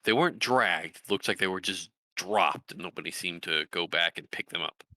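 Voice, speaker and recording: A man running a tabletop game as game master, narrating scenes with measured pauses and fillers. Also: low voice, bright, forceful tone, no room sound, low-quality recording.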